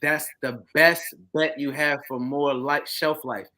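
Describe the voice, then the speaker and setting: A man jokes and teases his co-host, swearing freely and tossing in "yo" often. His voice is bright and sharp and sits a bit high. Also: fairly even intonation. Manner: joking, profane, quick to tease, says "yo" a lot. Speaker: podcast co-host. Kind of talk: casual chat.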